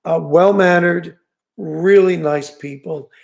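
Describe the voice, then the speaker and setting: Host, New York accent, high-pitched and very gravelly, rambling chatty delivery. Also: male voice, takes it slowly. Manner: rambling, enthusiastic storytelling with many restarts. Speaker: fishing show host. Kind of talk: casual chat.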